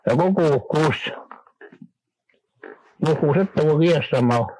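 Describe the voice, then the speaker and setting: A man's voice: on the high side, darkish tone, no room sound, rough recording. Older man rambling in a dry studio. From Manitoba, Canada. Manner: rambling and halting, with many restarts. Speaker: guest elder on a radio interview. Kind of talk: radio interview, recalling old times.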